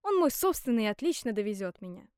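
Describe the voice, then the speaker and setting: A woman's voice: a little high, very animated, fast talker, clear, resonant tone, dry recording, clean studio sound. A woman reading a storybook aloud, voicing a boisterous, cocky young simpleton man who whoops and boasts. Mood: whooping. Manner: loud whooping, brash and gleeful.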